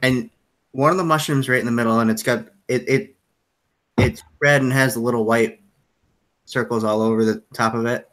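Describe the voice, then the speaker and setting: A man's voice: medium pitch, fairly even intonation, moderate pace, a bit bright. A man running a tabletop game as game master over a video call, describing scenes loosely with lots of fillers.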